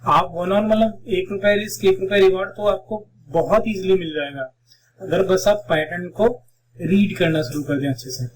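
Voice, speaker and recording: A man's voice: sits high, moderate pace, distant mic, poor audio. A man leads a live online trading class. He explains step by step and slips phrases into his Hindi. He sounds set back from the microphone, with a faint hum of background noise. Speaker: trading instructor.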